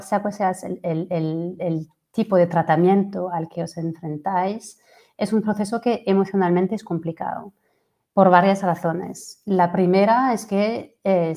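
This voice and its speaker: A French fertility coach in her forties gives a webinar presentation over a video call, sounding hesitant with many fillers and restarts. Her voice is fairly low in pitch and dark in tone.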